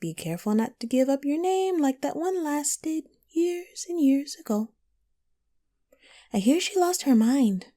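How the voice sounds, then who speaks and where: A woman voicing a teasing, riddling female cat from Wonderland in an audio roleplay, coy and playful with drawn-out, whimsical phrasing. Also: high-pitched, very animated, dark tone. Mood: playfully cryptic. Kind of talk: scripted audio roleplay addressed to the listener.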